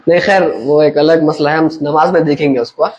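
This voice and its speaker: A man's voice: a little high, fairly even intonation, a little fast, darkish tone, highs cut off. A man giving a conversational religious lesson, explaining with everyday examples and checking that his listeners follow. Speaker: religious teacher.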